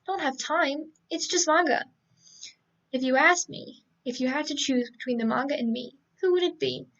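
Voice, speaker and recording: A woman's voice: high voice, moderate pace, a bit bright, highs cut off. A woman reading the lines of a forgetful, earnest teenage girl from a novel, in a hesitant, flustered manner.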